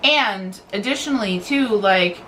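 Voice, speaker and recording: A woman co-hosting a book review in casual conversation, informal and halting, often repeating herself. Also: mid-range voice, animated, fairly bright tone, rough recording. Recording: noticeable background noise.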